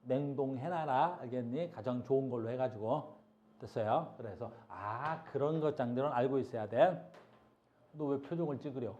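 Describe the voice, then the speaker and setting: A middle-aged male teacher giving a classroom lecture, chatty and lively, often stopping to ask the class if they understand and scolding students in passing. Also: mid-range voice, moderate pace. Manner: keeps asking "알겠니?" to check understanding. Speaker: high school biology teacher. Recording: dull lo-fi classroom recording.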